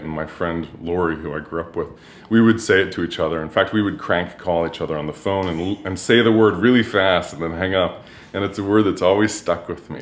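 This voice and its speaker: A middle-aged man, an artist, telling personal stories in a relaxed, chatty way with many fillers, recorded in his studio. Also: low voice. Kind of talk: casual personal storytelling. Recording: roomy studio echo.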